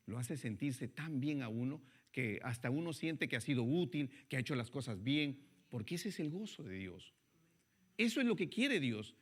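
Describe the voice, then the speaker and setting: A man, a pastor, preaching a sermon, who swings between loud high exhortation and low quiet asides, asks the listener direct questions and reads scripture slowly. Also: big pitch swings, slightly rough.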